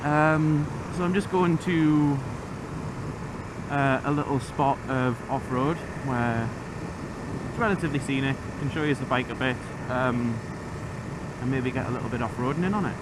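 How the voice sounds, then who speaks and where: A man with a mid-pitched voice talks from inside a motorcycle helmet, so it sounds enclosed and muffled. He rambles in a chatty, self-deprecating vlog style while riding. Loud wind, engine and road noise runs behind his words. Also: normal speed. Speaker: motorcycle vlogger. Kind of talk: casual chat while riding. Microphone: microphone inside a helmet.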